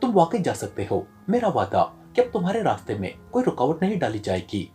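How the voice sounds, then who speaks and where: A man voicing a defeated woman agency chief, speaking quickly and pleadingly in an audio novel. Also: a little high, huge pitch swings, dark tone, faint music behind, voice pushed down.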